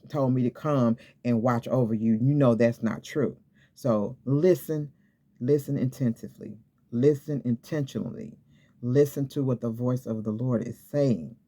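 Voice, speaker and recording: A man with a medium-pitched, slightly mellow voice preaches an informal sermon to camera. He exhorts and repeats himself, restarts often, and keeps checking in with "okay?"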